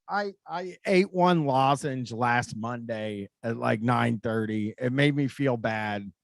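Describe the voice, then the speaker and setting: A man's voice: medium pitch, slow pace, creaky, no room sound, studio quality. An American man hosting a call-in show, talking in a casual, rambling, informal way with some swearing.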